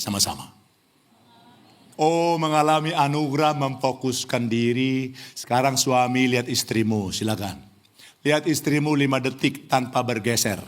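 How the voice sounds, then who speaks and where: A middle-aged Indonesian pastor with a medium-pitched voice preaches a lively sermon in a church hall. He teases the congregation and builds up to near-shouts.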